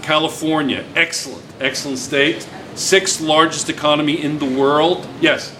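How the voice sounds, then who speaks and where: A male physics teacher, chatty and teasing, repeats his students' answers back to them in a noisy classroom recording. His voice is a little high and sharp, with a steady tone at normal speed.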